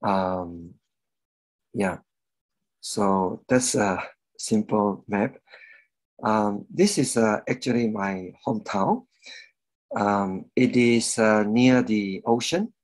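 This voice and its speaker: A middle-aged man from Malaysia shares a personal testimony over a video call. His voice sits very low and he speaks slowly, pausing often with fillers. He talks from a room at home into a webcam mic. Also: poor audio. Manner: slow and hesitant, many fillers. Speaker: guest speaker giving a testimony. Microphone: video call webcam with earphones.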